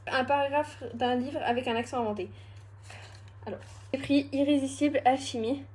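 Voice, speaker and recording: A young woman chatting casually at home through a challenge vlog, self-mocking and quick to laugh. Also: high voice, steady tone, a little mellow. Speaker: vlogger.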